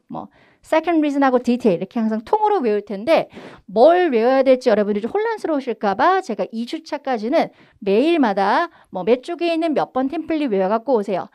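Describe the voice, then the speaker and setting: Young female speaking-test instructor, energetic, high and very animated delivery. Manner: energetic, exaggerated stress when modeling phrases. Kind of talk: online lecture.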